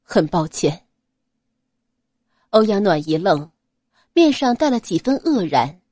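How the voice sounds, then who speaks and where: A woman reads an audiobook aloud in an expressive, scripted storytelling style. Her pitch is medium and her speed normal, and the studio-quality recording has no room sound.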